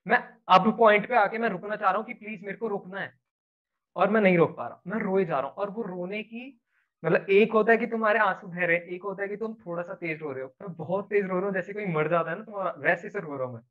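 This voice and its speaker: A man's voice: sits high, fast talker. A man telling a personal story in an earnest, rambling, casual way, slipping in English words. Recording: tinny phone-like sound.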